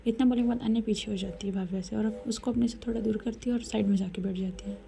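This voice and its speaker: A woman storyteller narrating a romance story in a soft, conversational way. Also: mid-range voice, fairly even intonation, fast, creaky, a little hiss or hum. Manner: soft, conversational storytelling with English words mixed in.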